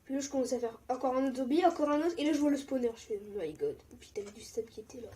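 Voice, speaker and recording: A young woman giving casual, excitable commentary while playing Minecraft. She often drops into a mumble or a whisper. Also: high-pitched, very fast, slight background noise. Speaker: gaming YouTuber.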